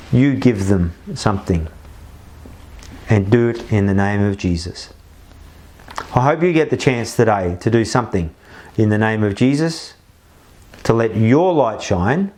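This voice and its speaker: A man, a pastor giving a short daily devotional sermon and telling the story with animated emphasis. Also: medium pitch. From Australia. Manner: storytelling, voices the disciples' lines with rising emphasis.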